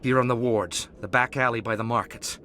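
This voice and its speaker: An actor playing a cowardly, self-serving crime boss in a video game, talking in an anxious, defensive way. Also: male voice, mid-range voice, fairly even intonation, a little fast, bright, forceful tone, a little hiss or hum, lightly acted. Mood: defensive, sly.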